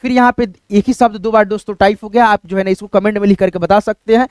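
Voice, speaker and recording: A man's voice: sits high, fast talker, clear, resonant tone, dry recording. A male teacher explaining spelling step by step, calling his viewers friends over and over. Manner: steady explaining, repeats "dosto" constantly. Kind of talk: screen-recorded spelling lesson.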